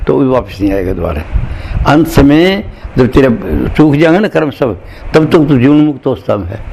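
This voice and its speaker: A man's voice: medium pitch, vocal fry, a little mellow, a little hiss or hum. A man from India giving a morning satsang sermon as a spiritual teacher. He talks in a conversational way, speaks to his listeners directly and mixes in recited verses.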